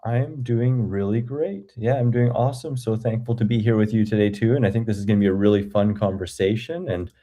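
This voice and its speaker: Brisk and barely pausing, this fortyish Canadian guest speaks in a fairly low, mellow voice on a video call. He chats casually and enthusiastically, wandering through his stories at length.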